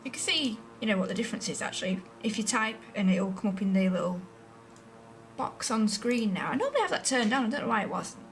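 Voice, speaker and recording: A woman's voice: medium pitch, lively intonation, fast talker, a little hiss or hum. A woman from England chatting casually as she streams a flight simulator game, thinking aloud and second-guessing herself. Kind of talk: casual live-stream commentary while playing a flight simulator. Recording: voice a bit distant from the mic, faint music behind.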